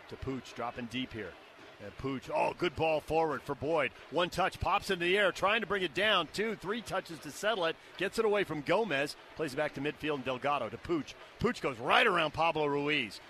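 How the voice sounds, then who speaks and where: American guy calling a soccer match live, sharp highish voice, short clipped phrases, some stadium noise behind him. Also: moderate pace. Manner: clipped running description of the action. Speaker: play-by-play commentator. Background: outdoor stadium ambience.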